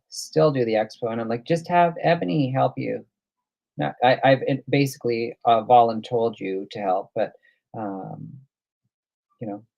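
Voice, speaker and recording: A man hosts a casual live coloring demo, chatting, thinking aloud as he works and reading out viewer comments. His medium-pitched voice has vocal fry, and the audio sounds dull.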